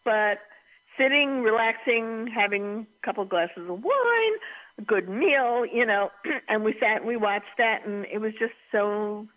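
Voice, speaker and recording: A woman's voice: on the high side, animated, a little slow. A middle-aged woman with a Brooklyn accent, chatting casually over the phone. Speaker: podcast guest, host's mother. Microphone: telephone call recorded through computer. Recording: tinny phone line.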